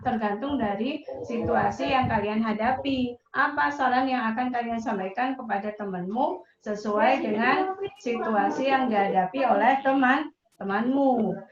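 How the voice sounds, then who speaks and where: A woman's voice: a little high, unhurried. Woman teacher, online lesson, drills pronunciation patiently, echoey and muffled. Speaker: English teacher. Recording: echoey, dull, noisy online recording.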